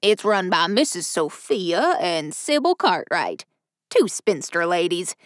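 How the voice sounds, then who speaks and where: A woman's voice: on the low side, very animated, slow, fairly bright tone, no room sound, clean studio sound, voice pushed down, exaggerated voice. A woman voicing a chatty old male station master who rambles in a folksy way. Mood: gossipy.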